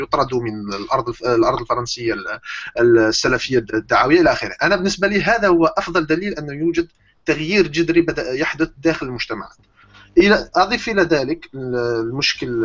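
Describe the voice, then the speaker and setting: A man speaking as a guest in an online panel discussion over an internet call. He talks haltingly and often breaks off and restarts words. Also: medium pitch, a bit bright. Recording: dull lo-fi call audio.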